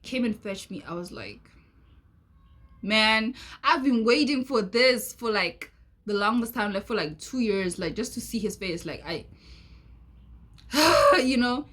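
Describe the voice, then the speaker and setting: A woman's voice: medium pitch, lively intonation, a little slow, long pauses, fairly bright tone. A young South African woman spilling a personal story in a loose, chatty vlog style. She rambles, repeats lines and skips over details with filler sounds. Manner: chatty, rambling, repeats herself and fills gaps with "da da da". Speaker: vlogger. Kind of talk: casual storytime.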